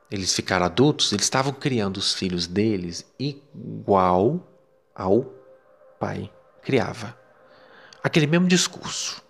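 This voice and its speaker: A man with a Brazilian Portuguese accent teaching a self-help course lesson, talking in a lively, emphatic way. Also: on the low side. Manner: lively, emphatic, mimics parents' voices. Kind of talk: lecture on beliefs.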